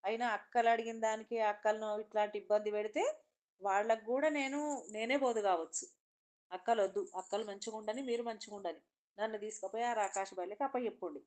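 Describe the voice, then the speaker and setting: Woman storyteller doing a brave little girl, firm and selfless, quick. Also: mid-range voice, darkish tone, lightly acted. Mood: resolute. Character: brave selfless youngest daughter, a young girl.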